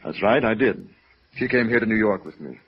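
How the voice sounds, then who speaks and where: An actor playing a genteel, evasive company president in a 1950s radio drama, formal and hesitant, on a vintage recording. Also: male voice, on the low side, lively intonation, fairly quick, breathy edge, lo-fi sound. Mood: polite, guarded. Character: genteel, evasive, wistful male brokerage president.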